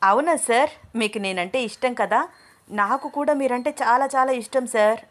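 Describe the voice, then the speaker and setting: A woman's voice: mid-range voice, moderate pace, lightly acted. Ananya, a woman voicing a cheeky young woman. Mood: teasing. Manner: teasing, bubbly.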